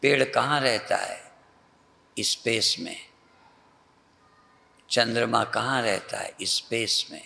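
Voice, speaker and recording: A male spiritual teacher from North India giving a slow, repetitive meditative discourse that guides the listener's mind. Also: medium pitch, gravelly, pushed and bright, big-room sound. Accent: Hindi, North Indian.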